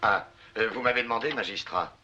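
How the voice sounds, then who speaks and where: Man acting an uneasy, low-voiced military commander. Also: brisk, highs cut off, background noise, close to an everyday voice. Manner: hesitant, deferential, defensive. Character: uneasy military commander, an impostor making excuses. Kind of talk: dubbed period adventure series acting.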